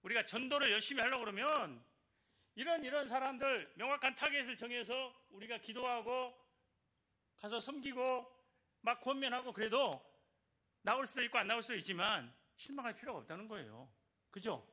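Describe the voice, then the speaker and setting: An older man, a church elder, speaks in a very high, fairly quick voice that sounds pushed and bright. He gives an evangelism testimony, exhorting the congregation with repeated phrases and calls for response.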